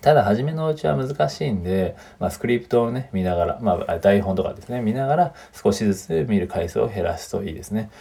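A man's voice: fairly low pitch, lively intonation, fast, vocal fry, few pauses, warm tone, breathy edge. A man hosting a podcast on learning English, explaining points one by one in a casual, chatty way. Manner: chatty, lists points one by one, tags sentences with friendly asides.

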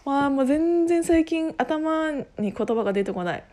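A woman with a husky, hoarse voice chatting casually on her own, rambling and often interrupting herself in a self-deprecating way. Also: high-pitched, expressive, unhurried, warm tone. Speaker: podcast host making an announcement. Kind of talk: casual solo chat.

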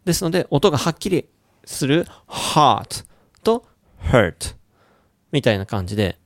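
A man hosting a radio-style English lesson, lively, demonstrating English sounds slowly and clearly. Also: on the high side, no room sound, studio quality. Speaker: English pronunciation teacher and show host.

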